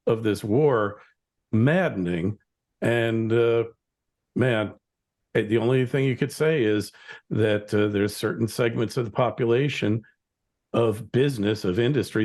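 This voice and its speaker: A middle-aged American man hosts an interview podcast, talking in a loose, rambling way and stopping now and then to pick his words. His voice sits at a medium pitch for a man. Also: a little mellow. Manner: chatty, rambling, quick opinions. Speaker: podcast host. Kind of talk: conversational interview.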